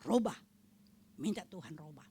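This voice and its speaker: Animated older woman giving testimony. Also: low voice, unhurried, slight background noise. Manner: animated, acts out quoted voices, drops to a whisper for emphasis. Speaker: testimony speaker at prayer fellowship.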